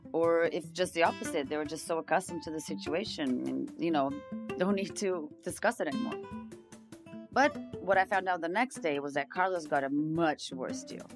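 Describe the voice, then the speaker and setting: An actress with a low, expressive voice plays an earnest, weary homeless migrant woman who narrates an audio drama, confiding her story in a conversational first-person monologue. She speaks at a moderate pace in a reflective, rueful mood, with plucked guitar music behind her.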